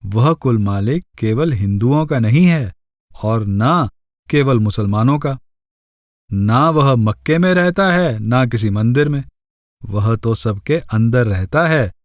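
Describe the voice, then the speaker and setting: Slow, measured male audiobook narrator. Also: medium pitch, expressive, no echo, studio quality. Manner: measured, reads verses slowly in a chanting cadence. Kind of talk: scripted narration of a spiritual audiobook.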